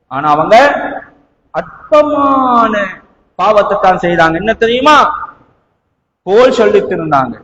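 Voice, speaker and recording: In a big mosque hall with a long, echoing reverb, a male Islamic preacher with a high voice and Sri Lankan Tamil accent gives an impassioned sermon in Tamil, quoting Arabic. He drives points home through rhetorical questions and emphatic repetition, alternating hushed and raised tones. Background noise is clearly audible.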